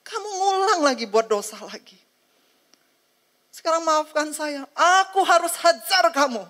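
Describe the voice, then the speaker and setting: Woman preacher doing God as a strict scolding father, pitched well above her usual voice, insistent and rising. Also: animated, measured pace, fairly bright tone.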